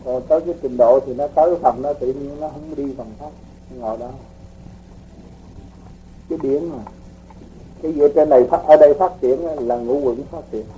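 Guy teaching spiritual stuff, folksy, mellow voice, slight hiss in the room. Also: a little high, low-quality recording. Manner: folksy, explains with homely examples and laughs. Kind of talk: casual spiritual teaching talk.

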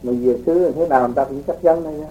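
Mellow-voiced man teaching casually. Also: a little high, rapid-fire, slight background noise, rough recording. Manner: folksy, explains with homely examples and laughs. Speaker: spiritual teacher. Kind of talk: casual spiritual teaching talk.

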